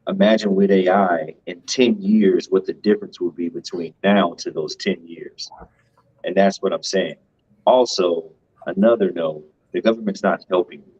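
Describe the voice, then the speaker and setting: A man's voice: deep voice, moderate pace, a little mellow, husky, highs cut off. A man co-hosting a finance show, giving casual, emphatic commentary and tagging his points with "right?".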